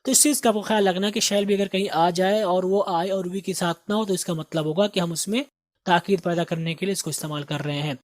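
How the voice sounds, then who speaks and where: A man teaching English as a host of an online lesson, with an Indian Urdu accent, drilling vocabulary by repeating each word slowly. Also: high-pitched, steady tone, no room sound. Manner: drills words with slow repeated pronunciation. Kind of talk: recorded lesson.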